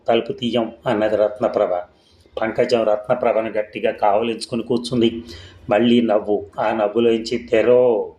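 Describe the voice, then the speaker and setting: A man reading a ghost story aloud in a steady, scripted storytelling way. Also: on the low side, echoey room, low-quality recording. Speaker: narrator. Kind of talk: scripted audiobook narration.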